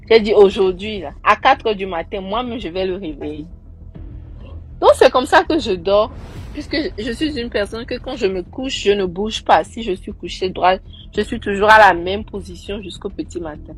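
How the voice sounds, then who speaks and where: A woman's voice: medium pitch, husky. A young woman casually recounting a personal story, acting out the people she quotes. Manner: animated, acting out quoted voices.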